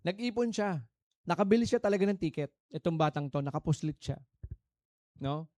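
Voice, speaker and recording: Filipino male pastor, sermon, slightly high voice, dry recording, emphatic and asking questions of the congregation. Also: lively intonation, normal speed, dry recording. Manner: preaching in Tagalog mixed with English, swinging between soft and emphatic; calls out to the congregation for answers, storytelling.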